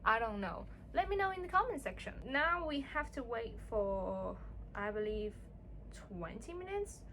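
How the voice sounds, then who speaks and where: This young woman, a Cantonese-speaking beauty vlogger, talks through her skincare in a relaxed, self-deprecating get-ready-with-me chat from a room at home. Her highish voice swings widely in pitch at a moderate pace, sounding a bit bright over slight background hiss.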